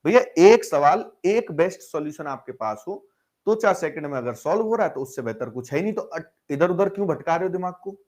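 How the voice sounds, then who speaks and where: Chatty male maths teacher, slightly high voice. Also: expressive, fast, a little mellow. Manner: coaxing, keeps calling students brother and asking them to reply; explains step by step with rhetorical questions. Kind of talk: live online algebra class.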